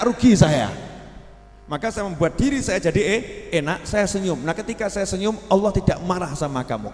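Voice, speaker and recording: A man preaching a sermon, asking the congregation questions and briefly acting out the people he quotes. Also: sits high. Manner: animated, acts out quoted voices, asks the audience questions. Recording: echoey hall.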